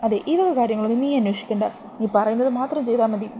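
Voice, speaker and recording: A woman's voice: fairly high pitch, fast talker, warm tone, slight background noise, close to an everyday voice. A woman doing a bossy, scheming matron. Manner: curt, mocking.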